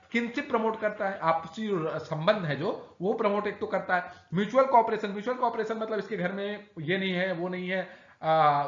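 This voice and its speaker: A man's voice: high-pitched, fairly bright tone. A man teaching an exam-prep lecture, often asking and answering his own rhetorical questions. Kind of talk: recorded lecture. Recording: echoey, dull lo-fi room recording.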